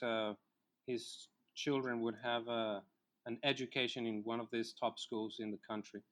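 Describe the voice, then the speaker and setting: A middle-aged man from Colombia, a native Spanish speaker, telling his life story as a guest in a relaxed interview. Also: mid-range voice. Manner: reflective storyteller, many fillers. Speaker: filmmaker guest. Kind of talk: casual interview chat.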